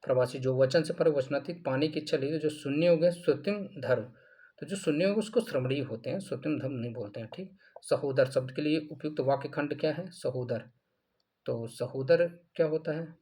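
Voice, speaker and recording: A man's voice: fairly high pitch, a little fast, warm tone. A male teacher walking through mock exam answers, repeating each answer and asking then answering his own questions. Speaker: Hindi grammar teacher.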